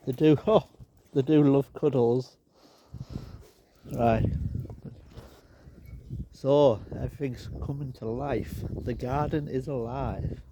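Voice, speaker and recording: A garden vlogger with a slightly blocked nose gives a casual walk-and-talk tour outdoors, chatting and rambling with wry asides. His mid-range voice has fairly even intonation, and he takes it slowly with frequent pauses. The background is noisy with birds and animals.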